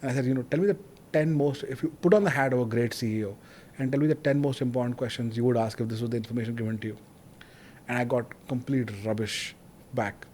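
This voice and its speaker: Animated male podcast host. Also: medium pitch, a little hiss or hum. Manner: animated storyteller, quick bursts of detail. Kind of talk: casual interview chat.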